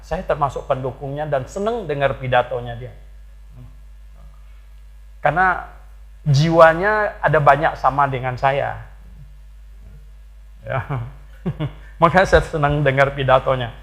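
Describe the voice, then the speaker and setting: An older man preaching a sermon, swinging between loud emphatic peaks and low asides, and asking the congregation rhetorical questions. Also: poor audio. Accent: Indonesian. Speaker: pastor.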